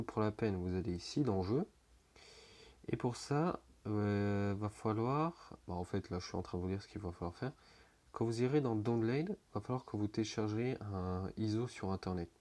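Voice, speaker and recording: Young guy, lowish voice, laid-back how-to narration, rambling and full of filler words, swears now and then. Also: warm tone. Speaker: tutorial maker. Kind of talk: casual screen-recording tutorial.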